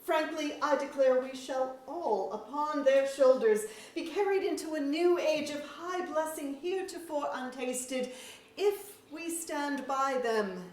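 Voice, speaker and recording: A woman gives a staged reading of mock-Shakespearean verse drama, playing a proud, witty, loyal Lord Chamberlain of a fantasy court who scolds in a haughty way. Her high voice is unhurried, courtly and measured, with rhetorical emphasis and archaic formal diction. Captured by a distant mic in a museum auditorium, the sound is echoey.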